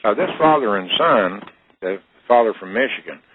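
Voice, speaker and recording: A man's voice: fairly low pitch, expressive, normal speed. Man on a crackly phone line. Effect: crackly phone line with static. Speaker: call-in guest. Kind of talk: phone-in storytelling.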